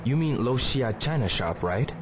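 A man's voice: medium pitch, expressive, moderate pace, noisy background, lightly acted. A man playing a stoic, polite young man in a video game, with a serious, clipped delivery. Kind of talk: scripted video game dialogue. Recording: dull, compressed game audio. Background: clear background music.

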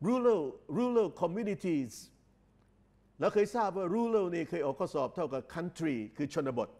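A man's voice: high-pitched, expressive, mellow. Male tutor lecturing. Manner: explains slowly and repeats phrases, drawing out English words. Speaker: English exam tutor. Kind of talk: recorded lecture.

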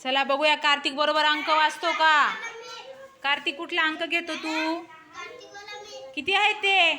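A woman teaching a class of young children, coaxing and praising them and urging them to answer loudly. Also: high-pitched, steady tone, unhurried. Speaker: primary school teacher. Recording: noisy classroom recording.

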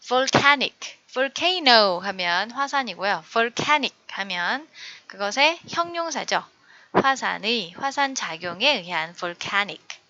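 Slow, bright-voiced woman teacher. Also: medium pitch, lively intonation, no room sound, muffled recording. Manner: slow, careful word-by-word drilling of English vocabulary with Korean glosses. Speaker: middle school English teacher. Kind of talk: online vocabulary lesson.

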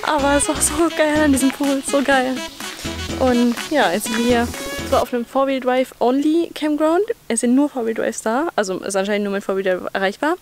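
A woman's voice: high voice, a little fast, over music. A woman in her twenties, a travel vlogger chatting casually to a handheld camera outdoors, often laughing between sentences. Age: 20s. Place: outdoors in the bush by a car. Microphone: handheld camera at arm's length. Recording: outdoor camera audio with clear background noise.

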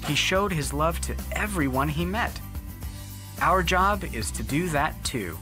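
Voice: medium pitch, expressive, unhurried. A narrator telling a Bible story for children in a friendly, simple explaining manner. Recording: music underneath.

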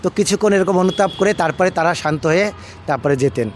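Higher-voiced Indian monk telling stories. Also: male voice, slight background noise. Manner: unhurried, repetitive, with many fillers and restarts. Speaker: ISKCON monk recounting his past. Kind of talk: casual storytelling talk.

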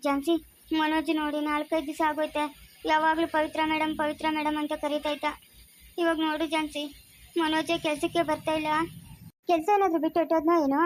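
A woman's voice: high-pitched, completely flat delivery, quick pace, no echo, lightly acted. [name], a woman playing a devoted lovesick student. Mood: worried. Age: young adult. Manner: pleading, emotional. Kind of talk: amateur family skit acting.

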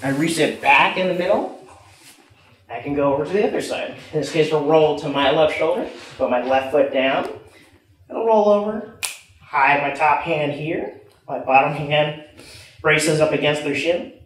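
A man's voice: a little high, normal speed. A young man giving instructions as a martial arts coach, talking while he demonstrates movements on the floor. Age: young adult. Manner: physically active, talking while moving on the floor. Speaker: jiu-jitsu instructor. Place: matted martial arts gym room, indoors. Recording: echoey room, distant mic, background noise.

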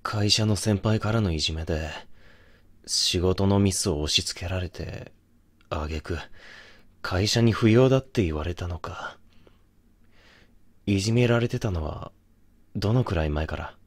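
A man's voice: deep voice, unhurried, long pauses. A man voicing a young boyfriend in an ASMR situation drama, remorseful, brusque yet tender and protective, talking bluntly and intimately as in pillow talk. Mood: apologetic, subdued.

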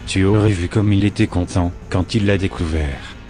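A man's voice: sits low, normal speed, a little mellow, soft background music, lightly acted. A man voicing a worried mother in a horror story reading, anxious and questioning. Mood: uneasy. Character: worried mother, adult woman.

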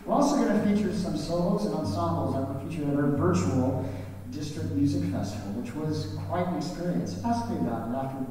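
A man who leads a high school band, addressing a concert audience with proud, friendly remarks and a dry sarcastic streak. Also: brisk, warm tone, a little hiss or hum. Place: large school auditorium. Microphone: distant mic. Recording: echoey auditorium from far off.

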